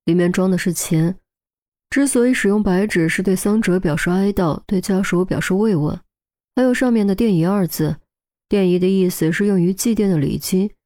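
A woman's voice: mid-range voice, moderate pace, mellow, lightly acted. A woman voicing a detached young male forensic expert who explains his deductions in a matter-of-fact way. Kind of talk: audiobook character voice.

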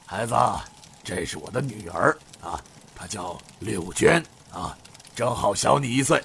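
A man voicing a kindly, warm-hearted aging innkeeper who talks in a fatherly, sighing, emotional way. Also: lowish voice, lively intonation, unhurried, vocal fry, slight background noise, full character voice. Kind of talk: storytelling with voiced characters.

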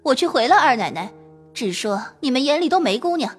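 A woman voicing Ping'er, a sharp-tongued clever maid. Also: sits high, big pitch swings, fairly quick, breathy edge, soft background music, heavily acted. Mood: scolding. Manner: scolding, then coaxing with a smile. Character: quick-witted young maid, sharp-tongued yet tactful. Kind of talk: audio drama acting.

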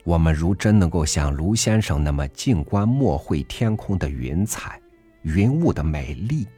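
A man reading a literary essay aloud for a podcast, measured and earnest, rising emphatically on rhetorical questions. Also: sits low, sing-song, breathy edge. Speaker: podcast reader. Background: soft background music.

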